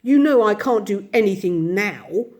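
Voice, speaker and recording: A woman doing a gruff, hearty old badger. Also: mid-range voice, lively intonation, measured pace, darkish tone, natural voice. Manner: hearty, grave.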